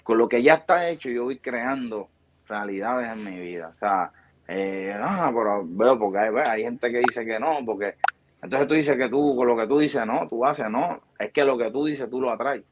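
A man's voice: mid-range voice, normal speed, no echo. A man in his thirties with a Puerto Rican accent, a barbershop founder giving an emphatic, preachy motivational talk as an interview guest over a video call. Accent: Puerto Rican Spanish. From Puerto Rico. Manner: emphatic, preachy, gestures with hands. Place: small indoor room. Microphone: video call webcam. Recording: dull lo-fi video call audio.

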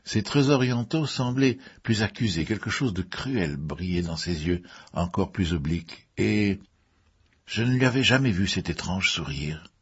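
A man narrating a mystery story in a measured way, with the odd filler. His voice is low and husky. The recording is dull and muffled. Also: a bit bright. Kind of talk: audiobook reading.

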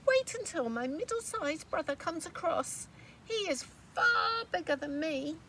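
A woman voicing a brave little billy goat, a young male, in a high squeaky voice. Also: animated, a little slow, bright, forceful tone, heavily acted. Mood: pleading. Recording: far mic with outdoor traffic noise.

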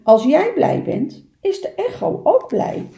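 A woman voicing a wise old beaver in a storybook reading, explaining things calmly and gently. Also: high voice, slow, creaky, reverberant, pitched above the performer's own voice, full character voice. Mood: gentle.

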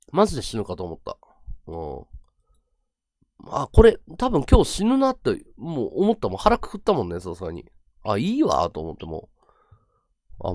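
Animated man chatting on a livestream. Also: no room sound, studio quality. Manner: swings between excited bursts and low mumbled asides; rough slangy talk, repeats words for emphasis. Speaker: live streamer. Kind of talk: casual livestream chat with viewers.

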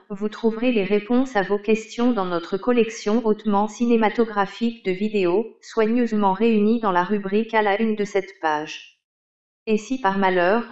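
A synthetic female voice from an older desktop speech synthesizer, reading written text in mechanical, even phrasing. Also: mid-range voice, roomy sound, muffled recording. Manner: mechanical, evenly read phrasing.

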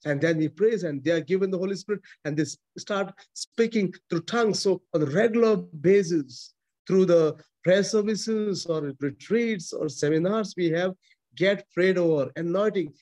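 The high-pitched, slightly mellow voice belongs to a priest in his forties, speaking at normal speed with an Indian accent; English is not his first language. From a small chapel, he preaches over a video call into a close-up webcam. His delivery is emphatic, with frequent repetition, restarts, and gestures.

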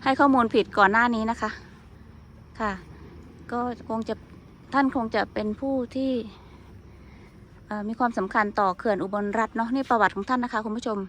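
A woman with a fairly high voice talks through a casual outdoor walking tour. She speaks straight to her viewers, chatty and a little apologetic. She records on a handheld phone, with faint outdoor noise and animal sounds behind her. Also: normal speed, pauses often, a bit bright. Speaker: vlogger. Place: outdoors at a dam on a hot sunny day.

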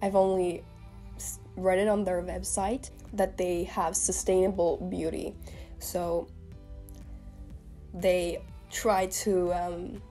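Soft background music plays as a beauty vlogger in her twenties, slightly sick with a cold, casually reviews makeup to camera from a small indoor room. Her voice is lowish and dark, with a flat, slow delivery and frequent pauses, and she rambles with lots of fillers.

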